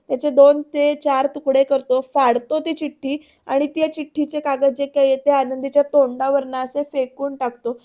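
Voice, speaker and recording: A woman's voice: sits high, highs cut off. A woman with a Marathi accent narrating a voice-over recap of a TV serial, telling the story and speaking straight to her viewers. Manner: lively storytelling, addresses viewers directly. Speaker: serial episode reviewer.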